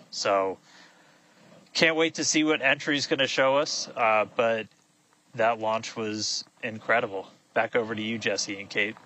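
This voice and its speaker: A man giving excited live commentary on a rocket launch, hurried and full of fillers. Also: fairly low pitch. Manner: excited, quick, with many fillers.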